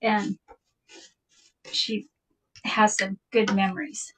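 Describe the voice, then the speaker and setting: A woman's voice: mid-range voice, level tone, takes it slowly, far from the mic, a little hiss or hum, low-quality recording. A woman casually telling a personal story in a chatty, rambling way, laughing often as she talks. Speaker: vintage shop owner telling a personal story.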